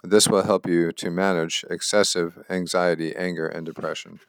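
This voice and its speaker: A man with a very low voice works through a workbook lesson, reading each item aloud and then explaining it. His delivery is plain and matter-of-fact, with small restarts along the way. The recording is dry and close, with no room sound. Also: flat delivery, normal speed, clean tone, dry recording. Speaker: instructor.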